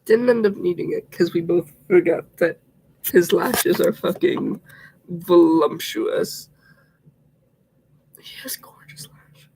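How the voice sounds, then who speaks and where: A sick, congested young vlogger with a high-pitched, gravelly voice chats casually while getting ready on a home livestream. He rambles and often slips into a whisper, with background noise behind him.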